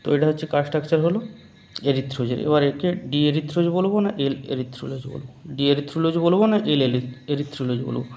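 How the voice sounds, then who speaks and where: A man teaching a biology lesson in Bengali-accented speech, asking the class questions and answering them himself, repeating key terms slowly. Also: a little high, vocal fry, a little mellow. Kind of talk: whiteboard chemistry lesson.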